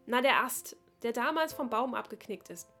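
A woman's voice: fairly high pitch, expressive, normal speed, sharp tone, faint music behind, pitched above the performer's own voice. Woman doing a stammering shy mole boy. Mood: flustered. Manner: stammering, hesitant. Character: shy, stammering little male mole schoolboy.

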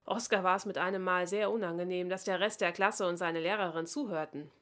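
A woman reading a children's Christmas story aloud in a calm, expressive voice. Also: on the low side, brisk.

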